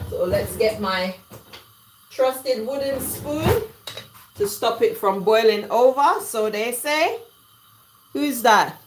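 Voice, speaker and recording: A woman's voice: a little high, animated, slow, long pauses, slight background noise, rough recording. A woman hosting a casual live cooking stream from her home kitchen, chatty and greeting viewers by name. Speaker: cooking livestream host. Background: washing machine running.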